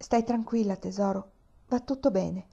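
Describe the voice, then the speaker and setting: A woman's voice: medium pitch, normal speed, creaky, warm tone, slightly rough. A woman voicing a proud older aunt who speaks anxiously and then tenderly. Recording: dull lo-fi recording.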